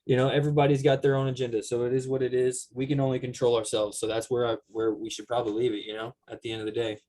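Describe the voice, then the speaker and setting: A man in casual podcast conversation, speaking in a measured, conciliatory way with hesitant phrasing. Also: mid-range voice, level tone, warm tone, rough recording.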